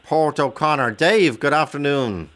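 A man's voice: fairly high pitch, unhurried, fairly bright tone. A man with an Irish accent hosting a radio phone-in, chatting casually and probing callers with short questions. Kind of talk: casual interview chat.

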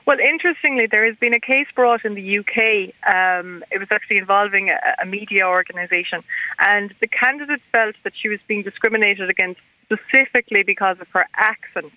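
A woman with an Irish accent speaks as an expert guest on a radio programme. She explains in measured, academic phrasing. Her voice comes down a narrow, tinny telephone line with a very dry sound. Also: medium pitch, dry recording. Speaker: guest expert, university lecturer. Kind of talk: radio interview, explanatory and formal.

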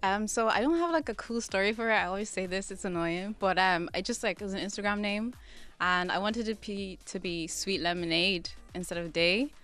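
Casual, informal woman with medium pitch. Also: brisk, fairly bright tone. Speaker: musician, interview guest. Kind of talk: casual chat.

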